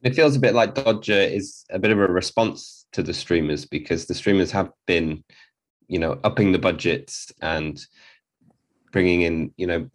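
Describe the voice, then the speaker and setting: A man interviewing in a measured, thoughtful way. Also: deep voice. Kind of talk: interview question.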